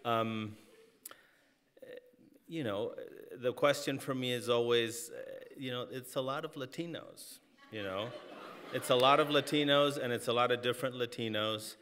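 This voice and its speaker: A Mexican film and TV director speaks on a live panel discussion at normal speed, his medium-pitched voice fairly bright. He sounds reflective, filling his speech with "you know" and frequent restarts.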